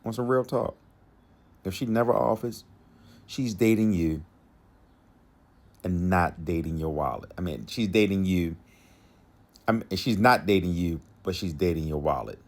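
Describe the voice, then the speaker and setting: A man's voice: deep voice, unhurried, pauses often, darkish tone. A man hosting a podcast, giving dating advice in a casual monologue, repeating his key lines for emphasis and chuckling to himself. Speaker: podcast host.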